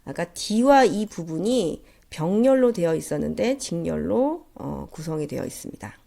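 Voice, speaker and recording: A woman's voice: fairly low pitch, expressive, a little slow, vocal fry, mellow. A woman lecturer with a nasal, stuffed-up cold voice, giving a polite, explanatory lesson. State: congested with a cold. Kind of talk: instructional slide lecture.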